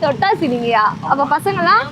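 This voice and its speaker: A woman's voice: sits high, animated, moderate pace, music in the background. A woman interviewing passers-by outdoors on a street, firing off teasing, probing questions. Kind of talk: street vox-pop interview.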